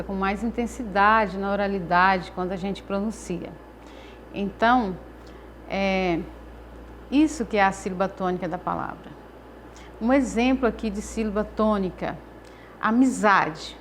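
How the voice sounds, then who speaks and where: A Brazilian woman teaching a Portuguese class. She speaks slowly, stresses each syllable and repeats her phrases. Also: medium pitch, slight background noise. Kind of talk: recorded class lesson.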